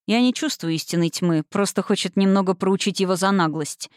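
A woman voicing a calm, composed young man who speaks quietly, in an audiobook. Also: mid-range voice, fairly quick, dry recording, studio quality, lightly acted. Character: calm young male hero, measured.

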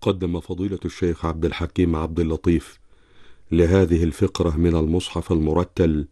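A man making a formal broadcast announcement as a radio announcer, with an even delivery. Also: sits low, fairly quick, no echo, clean studio sound.

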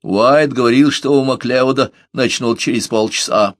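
A man's voice: mid-range voice, normal speed, no room sound, clean studio sound, pitched above the performer's own voice, lightly acted. A man voicing a fretful, rambling old man with a quavering, plaintive voice in an audiobook. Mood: agitated.

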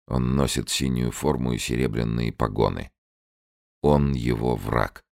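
A man narrating a dramatic audiobook in a grave, measured way. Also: extremely low pitch, creaky, dry recording, clean studio sound.

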